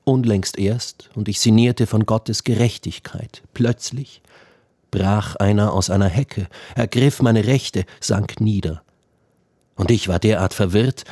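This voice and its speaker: Man, scripted verse narration, slow, husky, solemn, dry close sound. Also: on the low side, warm tone, no echo. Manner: measured, solemn.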